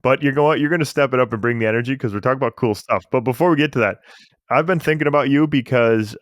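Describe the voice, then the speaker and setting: A man co-hosts a casual podcast in an easygoing, chatty way, often laughing and restarting his phrases. His voice sits at a middle pitch. The sound is dry and close-miked, with no room behind it. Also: quick pace, no room sound. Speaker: podcast co-host.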